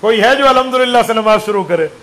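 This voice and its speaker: A man's voice: extremely high pitch, fast, fairly bright tone, rough recording. A man preaching a sermon, asking his listeners rhetorical questions and counting aloud with them. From Saraiki-speaking region of Pakistan.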